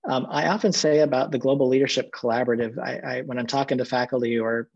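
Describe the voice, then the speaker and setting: Speaking fast with a steady, medium-pitched voice that's creaky and a little mellow, a middle-aged seminary president shares earnest, reflective stories. He's on a video call from his bookshelf-lined office, and the audio comes through muffled.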